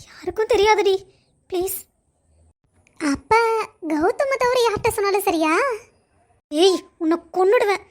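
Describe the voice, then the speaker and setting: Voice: very high voice, lively intonation, unhurried, long pauses. A woman voicing a bossy, teasing young woman friend in a cartoon story, scolding and lecturing.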